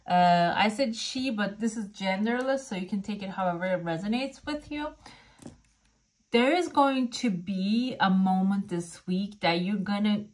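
Woman doing a casual fortune teller reading, english isnt her first language, medium pitch, talks right to you. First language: not English. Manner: fortune teller addressing the viewer directly. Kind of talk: casual coffee cup and oracle card reading to camera.

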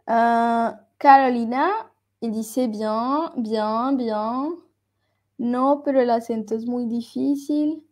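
A woman with a fairly high voice leads a French lesson, explaining in Spanish and switching back to French. She talks at an unhurried pace. She says tricky words over and over, so her students can hear each sound. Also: a little mellow. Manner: slow, repeats words to drill pronunciation. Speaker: French teacher. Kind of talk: online language lesson.

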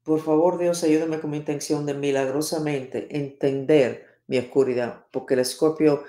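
A woman's voice: sits low, steady tone, normal speed, mellow. A woman astrologer giving an emphatic, dramatic spoken horoscope reading and acting out each sign. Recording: roomy echo.

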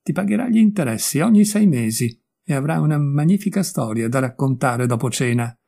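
A man's voice: medium pitch, animated, fairly quick, vocal fry, mellow, breathy edge. A man voicing a witty, worldly young male painter in an audiobook, speaking in a breezy, teasing way. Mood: amused. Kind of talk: audiobook character voice.

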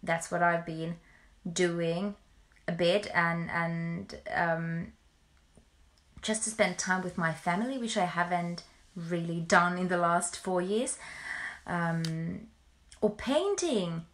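Young woman chatting casually, haltingly. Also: lowish voice. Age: young adult. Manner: hesitant, halting, frequently repeating words. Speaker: musical performer livestreaming to followers. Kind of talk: casual livestream chat. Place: small bedroom at home, indoors. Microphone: phone or webcam at arm's length.

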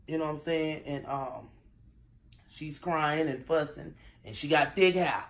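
A woman's voice: low-pitched, a little slow. A middle-aged woman, a single mother, chatting and rambling to her viewers. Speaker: single mom vlogging. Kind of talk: casual chat to viewers.

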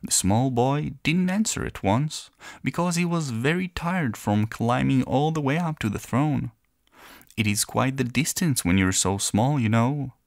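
A man reading a children's fairy tale aloud in a gentle, playful storyteller manner. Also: mid-range voice, lively intonation, unhurried, vocal fry, no room sound. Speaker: narrator.

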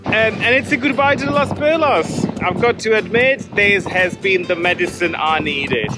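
A man chatting casually as a sailboat's first mate, teasing and joking with playful, drawn-out delivery. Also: high-pitched, animated, music in the background. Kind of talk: casual vlog chat.

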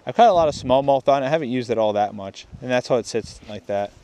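A young man hosts a fishing video from a lakeshore, rambling through a casual gear test and often restarting his sentences. Recorded on a chest-mounted camera amid heavy background noise, his medium-pitched voice is animated and fast.

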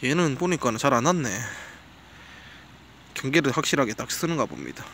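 A man's voice: medium pitch, animated, a little fast, a bit bright, a little hiss or hum. A man chatting casually to camera while walking his dog by a riverbank outdoors, now and then coaxing the dog. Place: outdoors by a gravel riverbank at dusk.

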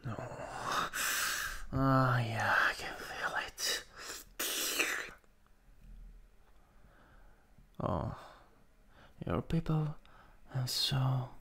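In an improvised ASMR roleplay, a man with an Italian accent plays a cruel male vampire master mocking his servant, slow and partly whispered into a close USB mic. His medium-pitched voice is bright, forceful, exaggerated, breathy, husky and gravelly, menacing, drawn-out and condescending, with slight background noise.

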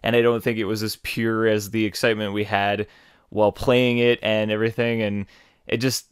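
A man's voice: on the low side, level tone, normal speed, clear, resonant tone, dry recording, clean studio sound. A man talking casually to his viewers in a rambling, apologetic manner as a gaming host. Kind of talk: casual unscripted announcement to viewers. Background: music.

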